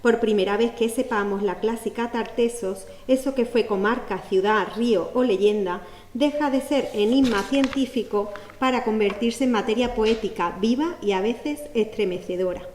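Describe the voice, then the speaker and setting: At a book launch in a lecture hall, a woman with an Andalusian Spanish accent presents a poetry book in an explanatory, academic way with many fillers. Her voice is fairly high and a little mellow, at normal speed with few pauses, and the hall is echoey with faint noise.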